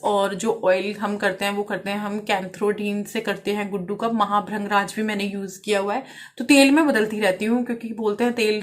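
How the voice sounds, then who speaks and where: Frank Hindi-speaking woman vlogger. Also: medium pitch. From India. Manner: frank, talks quickly at times. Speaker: vlogger answering viewer questions. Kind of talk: casual Q&A chat.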